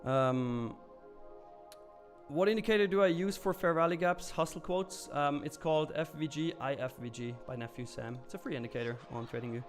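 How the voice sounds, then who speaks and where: A man from Switzerland with a fairly high voice talks at normal speed over faint background music. As host of a live trading stream, he reads and answers viewer comments in a casual, candid way, using frequent fillers and a bit of mild swearing.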